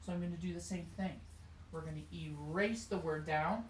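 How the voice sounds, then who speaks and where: A woman's voice: lowish voice, moderate pace, slight background noise. Echoey woman teaching a music lesson. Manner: encouraging, explains step by step, sings short demonstrations. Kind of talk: recorded music lesson for children. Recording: echoey room.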